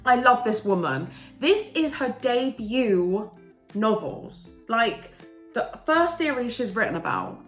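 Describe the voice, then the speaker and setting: Congested from a cold, a book vlogger from England gushes about her recent reads in a chatty, enthusiastic way. She speaks slowly in a slightly high, sing-song voice. The sound is reverberant, with faint music behind her.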